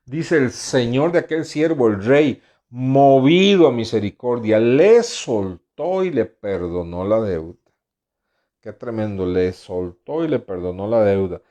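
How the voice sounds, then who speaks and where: A man's voice: medium pitch, expressive, unhurried, mellow. A male pastor preaching a sermon who reads scripture aloud, comments between the verses and keeps asking his listeners "right?". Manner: tags questions with "¿verdad?" and addresses listeners as brothers.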